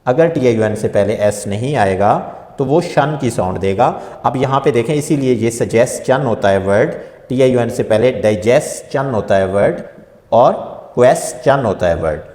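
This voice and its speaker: A man teaching a spoken English lesson, spelling words out letter by letter and stating rules slowly and deliberately. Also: medium pitch, expressive, dark tone. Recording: echoey room with long reverb.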